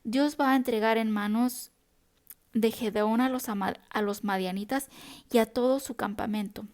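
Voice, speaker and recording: A woman reading a Bible passage aloud in a steady, unhurried devotional style, now and then correcting herself. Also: on the high side. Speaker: Bible reader.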